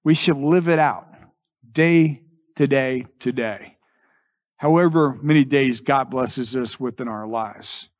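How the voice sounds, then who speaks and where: A man preaching a church sermon as a pastor, earnestly exhorting with repeated phrases and deliberate, emphatic pauses. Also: medium pitch.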